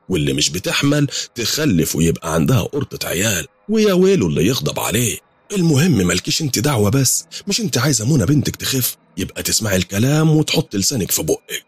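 A man's voice: breathy edge, no echo. A man voicing a bossy, superstitious older mother who scolds, in an Egyptian accent. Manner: scolding, raised higher pitch.

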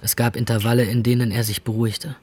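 An actor playing a young man narrating his own ordeal in measured, matter-of-fact literary radio narration. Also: mid-range voice, flat delivery, darkish tone, slight background noise, close to an everyday voice. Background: music.

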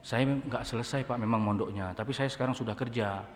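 A man's voice: medium pitch, quick pace, pitched below the performer's own voice, close to an everyday voice. A man acting out a stammering young suitor. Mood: nervous. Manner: stammering, hesitant, quiet. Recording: echoey hall, faint background noise.

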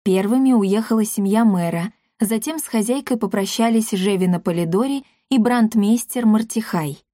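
A woman narrating an audiobook in a measured storytelling manner. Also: mid-range voice, dark tone, no room sound, studio quality. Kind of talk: scripted narration.

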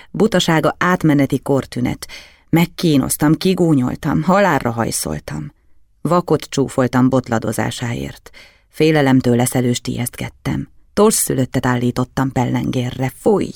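A man's voice: mid-range voice, vocal fry, darkish tone, slightly rough, no echo, studio quality, full character voice. A man voicing an anxious, kindly older male scholar, agitated and pleading, in an audiobook. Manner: agitated, self-reproaching, pleading. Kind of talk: audiobook character reading.

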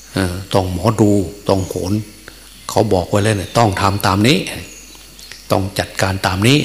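A male Buddhist monk teacher telling a story in a sermon. He speaks in a folksy way, with many filler sounds and chuckles, in a temple hall. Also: deep voice. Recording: long reverb, faint hum.

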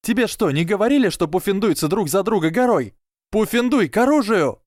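A man voicing an eager, loyal schoolboy who shouts earnestly. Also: medium pitch, sing-song, a little fast, dry recording, studio quality, natural voice. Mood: shouting.

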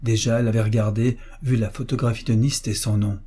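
A man narrating a literary story as an audiobook, reading in measured phrases. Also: on the low side, little pitch movement, warm tone, husky.

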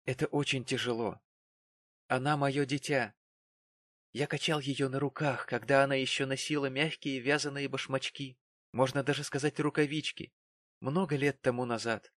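A man's voice: medium pitch, fairly even intonation, normal speed, no echo, natural voice. A man reading the part of a pompous, self-pitying middle-aged father with a sanctimonious manner in a storybook reading. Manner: sanctimonious, turning to angry shouting.

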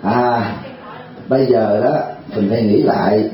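A man's voice: on the low side, unhurried, mellow. A man, a Buddhist teacher, giving a humorous, chatty sermon at a retreat and constantly asking his listeners "right?". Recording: heavy hall echo.

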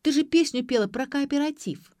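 A brash, bossy young woman, acted by a woman reader, high and loud with blunt slangy retorts. Her audiobook lines land dry and close, with no room around them. She pushes and prods in every line. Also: brisk, no room sound, lightly acted. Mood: pushy. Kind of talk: audiobook character voice.

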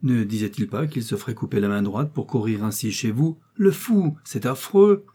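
A man's voice: a little fast, mellow, breathy edge. A man voicing a gushing, fussy spinster in an audiobook, all breathless exclamations. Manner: breathless exclamations, high-pitched. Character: gushing fussy middle-aged spinster, woman.

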